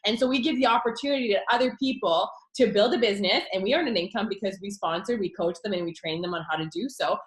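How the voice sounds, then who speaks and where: Excited chatty woman in an echoey room. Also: mid-range voice. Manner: excited, rapid, chatty with fillers. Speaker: network marketing consultant. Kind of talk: enthusiastic business pitch.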